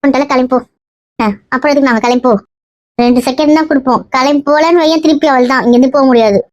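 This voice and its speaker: A woman's voice: high voice, dry recording. A woman playing a mother who scolds and teases her daughter in a family skit. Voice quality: scolding, teasing, rapid. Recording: dull dry lo-fi sound.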